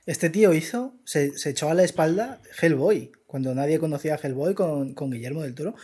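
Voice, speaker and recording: Animated man in casual chat. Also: fairly high pitch, breathy edge. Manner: animated, halting restarts. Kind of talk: casual film discussion.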